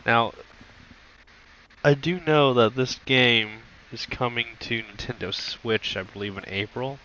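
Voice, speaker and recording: A tired man recovering from illness, talking through laid-back gameplay commentary in a deliberately monotone, subdued way. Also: medium pitch, slight background noise, rough recording. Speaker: gaming streamer.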